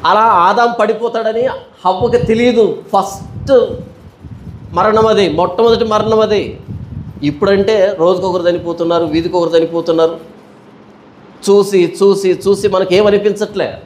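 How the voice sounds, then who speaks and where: A male pastor with a high voice teaches a Bible study sermon. He tells homely stories and throws out rhetorical questions, often asking the same one twice. Faint background noise sits under the recording. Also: steady tone, normal speed. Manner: rhetorical, repeats his questions; colloquial storytelling examples.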